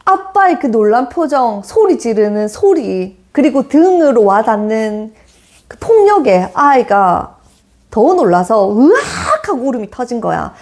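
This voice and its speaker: A woman's voice: fairly high pitch, a little slow. A woman in her forties, an early childhood education lecturer, telling a family story in a casual chat and acting out the voices she quotes. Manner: animated, acts out quoted voices.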